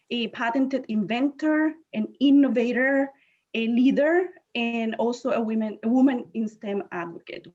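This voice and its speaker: A Puerto Rican woman in her thirties, a native Spanish speaker with a Puerto Rican accent, gives a virtual presentation as a guest speaker; she's a chemist and inventor. Her slightly high, darkish voice is conversational, often pausing on filler phrases and correcting herself. The audio comes from a video call and sounds dull and lo-fi.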